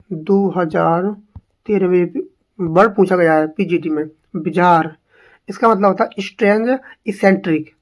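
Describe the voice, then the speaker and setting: An English teacher giving an exam-prep lesson, drilling each word by repeating it and asking rhetorical questions. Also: medium pitch.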